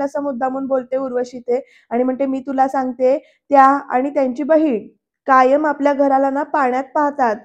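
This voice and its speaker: High-pitched woman recapping a serial. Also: darkish tone, highs cut off. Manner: retells scenes, reading each character's lines in turn. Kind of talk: voice-over episode recap.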